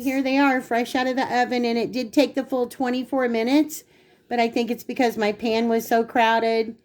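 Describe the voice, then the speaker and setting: Woman chatting through her cookie recipe, kinda high voice, easygoing step by step. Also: a little mellow. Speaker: home cooking vlogger. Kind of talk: casual recipe demonstration.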